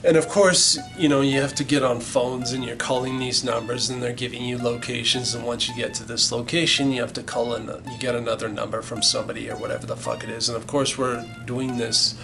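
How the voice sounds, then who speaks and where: A man's voice: mid-range voice, flat delivery, brisk, creaky, hardly any pauses, poor audio. A middle-aged man casually telling a band story, rambling and swearing a lot with many restarts. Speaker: band member recalling the band's origins. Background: music.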